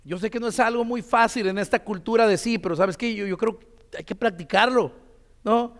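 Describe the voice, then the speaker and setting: A man preaching in a church with a fairly high voice. He talks in a loose, conversational way, tossing in tag questions and fillers as he goes. The sound carries a long reverb from the church hall. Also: brisk. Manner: tells a story with many "dice" quotes. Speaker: pastor. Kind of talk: sermon.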